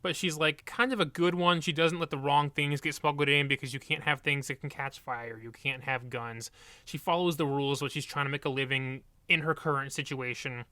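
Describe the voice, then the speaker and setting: Bright-voiced man reviewing books. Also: on the high side, brisk, smooth, dry recording. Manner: relaxed, self-correcting, summarizes plots. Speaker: podcast co-host. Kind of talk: casual book review chat.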